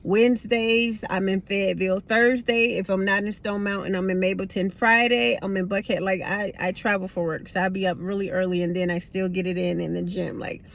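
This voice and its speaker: This middle-aged woman, a vlogger, is in a parked car having a candid, casual chat with viewers; she sounds tired and rambles in a blunt, slangy manner. A slight lisp comes from her retainers. Her medium-pitched voice is steady and creaky, fairly quick, with hardly any pauses.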